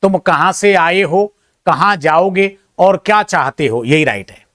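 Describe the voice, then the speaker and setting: A man's voice: sits high, measured pace, a bit bright, no echo, clean studio sound. A male teacher working through an exam answer key, reading each question aloud and checking the options one by one, with chatty, self-deprecating asides to his students.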